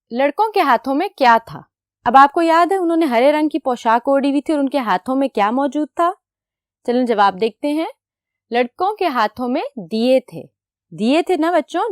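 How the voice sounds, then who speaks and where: A woman's voice: sits high, no echo, clean studio sound. A young woman teaching a recorded class, patiently explaining and putting questions to the children. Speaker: school teacher.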